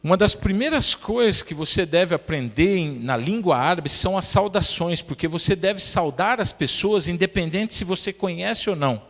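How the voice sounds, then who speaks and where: A man preaching from the pulpit, spinning funny anecdotes and calling out to his brothers in the pews. His voice is gravelly and sits a little high. A long church reverb trails after every phrase. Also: normal speed, few pauses. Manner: lively storyteller, addresses the congregation as brothers. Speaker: pastor. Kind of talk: sermon with humorous personal anecdotes. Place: church sanctuary.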